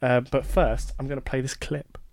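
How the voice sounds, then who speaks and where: A man's voice: medium pitch, level tone, normal speed, heavy background noise. A man hosting a student sports radio show, chatting casually, laughing often and correcting himself as he goes.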